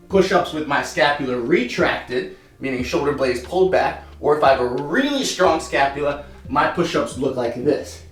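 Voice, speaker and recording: This man, a fitness coach, has a fairly bright voice on the high side. His workout tutorial covers push-up form, demonstrated as he speaks, sometimes leaving him out of breath, and the audio is roomy and echoey from a mic at a distance.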